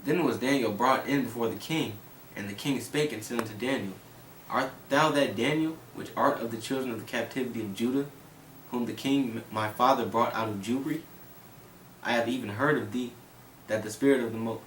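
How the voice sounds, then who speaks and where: In a small group discussion, a man reads scripture aloud, his voice rising to stress key phrases. His pitch is lowish and his tone fairly bright. The mic sits at a distance in an echoey room, with a faint hiss.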